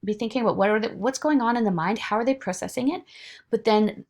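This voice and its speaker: A woman's voice: a little high, fast talker, a little mellow. A woman lecturing informally to her students, with frequent fillers and restarts. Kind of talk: recorded online lecture.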